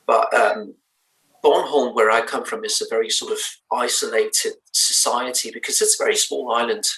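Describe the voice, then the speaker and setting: Recorded far from the mic in a roomy space with slight background noise and low quality, this man speaks in a mid-range, fairly bright voice, evenly and at a moderate pace. He is a native Danish speaker from Denmark and lead singer of a band, giving a remote interview in a Danish accent, pondering his answers with plenty of hesitations, fillers and restarts.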